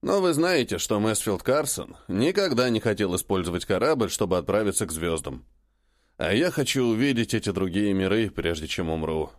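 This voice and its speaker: A man voicing a gruff male rebel who grumbles as he talks. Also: on the low side, big pitch swings, moderate pace, no echo, clean studio sound, pitched below the performer's own voice. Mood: grumbling.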